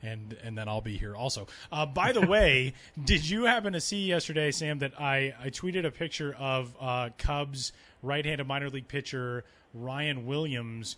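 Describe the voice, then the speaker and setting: Bright-voiced male podcast host, slightly cave-like. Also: mid-range voice, lively intonation, moderate pace. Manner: upbeat, chatty, informal. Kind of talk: casual sports podcast chat. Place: press box booth at a ballpark.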